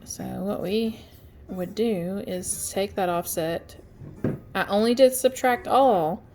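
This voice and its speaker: Music plays in the background while a woman of medium pitch takes her time explaining a craft project step by step. She sounds congested, keeps the screen-share tutorial casual, and frequently fills pauses with "um."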